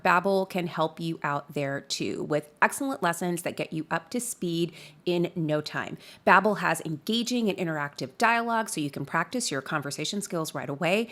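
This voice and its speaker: A woman's voice: on the low side, a bit bright. A woman podcast co-host reading a sponsor ad with upbeat, emphatic delivery on a close studio mic. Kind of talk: host-read ad.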